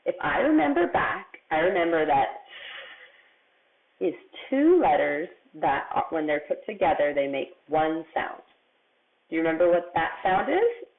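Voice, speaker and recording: A woman teaching a remote kindergarten writing lesson, patient and slow, stretching out the sounds of words for young children. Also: sits low, animated. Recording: tinny phone-like audio.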